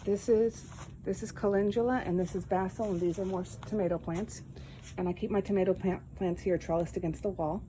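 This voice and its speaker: A woman's voice: mid-range voice, fairly even intonation, a little fast, mellow, rough recording. Woman from east texas showing off her garden outside, plain chatty talk, camera mic, faint outdoor hum behind. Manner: plain-spoken, explains step by step. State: out of breath. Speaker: home gardener. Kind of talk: casual walk-through narration.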